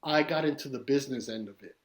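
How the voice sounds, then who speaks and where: A man's voice: medium pitch, fast talker. A man with a New York street accent, a guest artist talking in a casual podcast interview, rambling and swearing as he tells stories. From East New York, Brooklyn. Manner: profane, rambling, animated storytelling.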